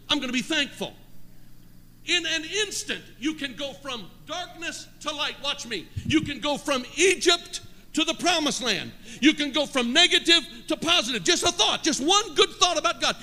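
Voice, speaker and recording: A man's voice: very high-pitched, bright, forceful tone. An older man preaching a sermon to a congregation, calling out to them for answers and shifting between homely stories and fervent appeals. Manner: preaching with rising fervor, asks the congregation for responses. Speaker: pastor. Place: church sanctuary before a congregation. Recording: live church sound with long hall reverb.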